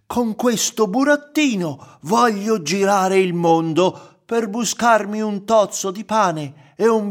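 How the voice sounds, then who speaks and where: A man voicing a spry, irritable old male woodcarver who flares up fast in a storybook reading. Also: high voice, voice pushed up, full character voice. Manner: touchy, quick to anger.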